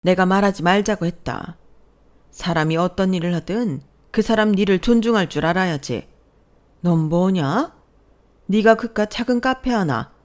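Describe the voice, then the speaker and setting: A woman's voice: on the low side, close to an everyday voice. A woman playing an enraged scolding mother-in-law. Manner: shouting, berating. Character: furious older mother-in-law, stern and scolding.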